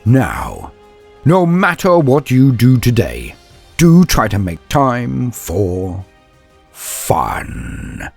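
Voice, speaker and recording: With a gravelly, husky, mid-range voice, a man speaks very slowly, his pitch swinging hugely. He narrates a dramatic first-person tale and a scripted channel address as storyteller and host, theatrical and courtly in phrasing, accompanied by background music.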